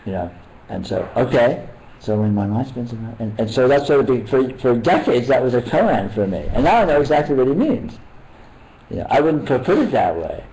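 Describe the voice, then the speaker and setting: An older man, a meditation teacher, talking casually at a retreat in a halting, rambling way with many restarts. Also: medium pitch, sing-song, dark tone, rough recording.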